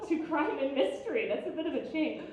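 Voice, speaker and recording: A woman's voice: high voice, animated, fairly quick, recorded from a distance. A woman moderating an author event, reading an introduction and then asking curious, playful questions. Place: event hall, indoors. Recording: roomy hall, faint noise.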